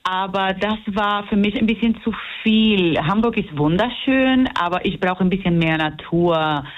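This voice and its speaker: A woman's voice: mid-range voice, measured pace. Woman, musician guest, hesitant, searching for words, muffled lo-fi sound. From Puerto Rico. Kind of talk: radio interview.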